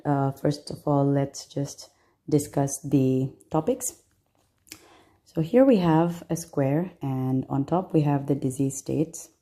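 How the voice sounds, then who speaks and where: A woman's voice: low voice, warm tone. A woman from Bangladesh, a medical student walking through exam concepts step by step, patient, with frequent fillers.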